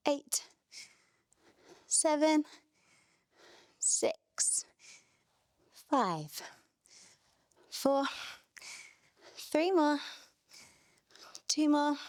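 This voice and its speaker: A woman's voice: high-pitched, big pitch swings, very slow, pauses often, a little mellow, dry recording, clean studio sound. A young adult woman leading a barre workout class, energetically counting reps and cueing moves while a little out of breath. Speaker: fitness instructor.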